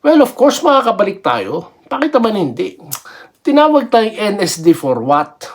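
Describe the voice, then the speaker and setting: Man, casual basketball vlog, chatty, laughs a lot, slightly high voice. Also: wildly swooping pitch, moderate pace. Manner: chatty, laughs often, peppers sentences with tag questions. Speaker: basketball vlogger. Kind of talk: casual sports commentary vlog.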